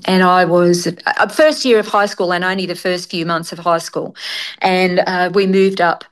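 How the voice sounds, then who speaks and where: A woman's voice: lowish voice, steady tone, moderate pace. A woman with an Australian accent, a guest telling her story in a frank, chatty way and laughing easily. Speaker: interview guest. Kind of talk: conversational storytelling.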